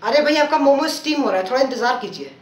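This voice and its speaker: A man's voice: extremely high pitch, expressive, fast. A man playing a pushy, sarcastic male momo street vendor who gives snappy replies. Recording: roomy, from far off.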